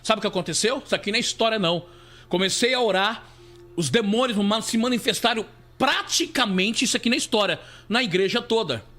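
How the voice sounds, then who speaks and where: Soft music plays behind a Brazilian Portuguese-accented bishop as he delivers a live testimony from the pulpit. He speaks quickly in a high, sharp voice, circling back over his words with many restarts and addressing everyone as "beloved."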